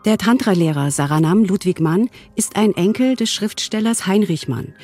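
A woman reporting for radio, narrating her story in a calm, informative way. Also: mid-range voice, normal speed, faint music behind. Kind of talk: scripted reportage.

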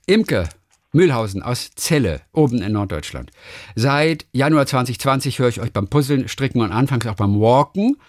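A podcast host reads listener mail aloud in relaxed chat, stumbling and restarting often as he tells the stories with lively, animated delivery. His medium-pitched voice swings widely up and down at a normal pace. The recording is close and dry, with no echo or room sound.

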